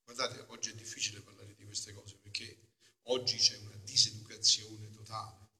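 A man, a friar, preaching a homily in a casual, emphatic way, often checking in with his listeners with a quick question. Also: on the low side, little pitch movement. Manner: emphatic, keeps asking the congregation "no?"; swells loud on key phrases, then drops to quiet asides. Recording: long church reverb.

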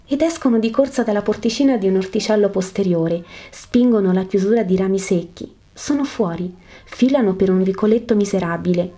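A woman narrating a religious story in a steady, devotional reading style. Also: mid-range voice, fairly quick. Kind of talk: scripted narration of a religious text.

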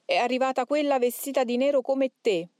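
A woman's voice: sits high, brisk, a little mellow, dry recording, clean studio sound, voice pushed up, lightly acted. A woman voicing a raging male demon who screams, mocks and sobs with rage, read aloud from an exorcism account. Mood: mocking.

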